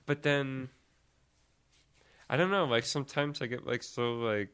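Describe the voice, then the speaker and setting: Young male podcast co-host, casual, rambling and profane; smooth, resonant tone. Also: medium pitch, a little slow, a bit bright. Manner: rambling, filler-heavy, swears freely. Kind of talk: casual chat.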